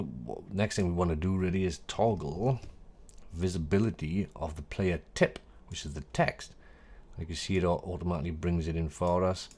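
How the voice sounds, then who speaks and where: A man, the host, talking casually through a screen-recorded software tutorial, correcting himself and making small jokes, his voice a little hoarse. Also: low-pitched. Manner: chatty, self-correcting, jokey asides. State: voice going a bit hoarse.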